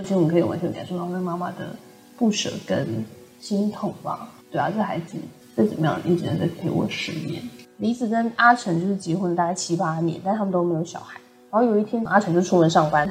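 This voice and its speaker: A woman co-hosting a book discussion podcast, softly retelling a story and quoting its characters. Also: lowish voice. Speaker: podcast co-host.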